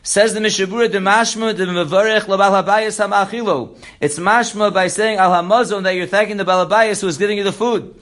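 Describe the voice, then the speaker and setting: High-voiced man teaching a halacha lesson. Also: steady tone, brisk, hardly any pauses, a bit bright. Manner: reads Hebrew text then explains in English. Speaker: Torah teacher.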